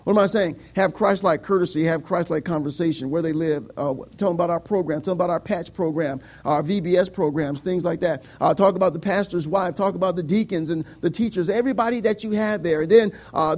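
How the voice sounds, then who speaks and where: Male preacher, high gravelly voice, emphatic repetitive sermon delivery. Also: fast, hardly any pauses, a little mellow.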